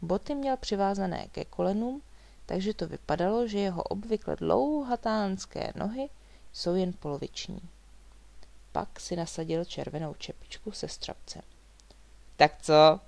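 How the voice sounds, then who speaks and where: A woman reading a children's story aloud as storyteller, in a lively, expressive way. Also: medium pitch, gravelly, no echo.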